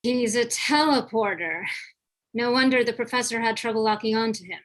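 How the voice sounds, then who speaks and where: A woman's voice: a little high, normal speed, close to an everyday voice, rough recording. A woman in a live script reading, playing a cool, dry, confident mutant heroine. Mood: cool, unimpressed.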